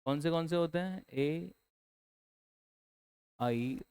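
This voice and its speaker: Smooth-voiced man teaching a class. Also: a little high, slow pace, darkish tone. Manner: asks the class questions and answers them himself. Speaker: English teacher. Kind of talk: classroom lecture for exam students.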